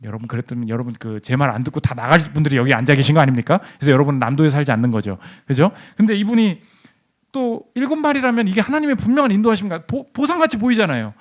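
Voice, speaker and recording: A man preaching a sermon as pastor, telling a story with animated delivery and acted-out voices. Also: fairly high pitch, fast. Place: church.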